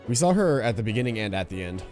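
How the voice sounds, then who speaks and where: A man's voice: fairly low pitch, big pitch swings, quick pace, over music. A man casually commenting while he plays a video game on a live stream. He explains things as he goes and reads the game's text aloud.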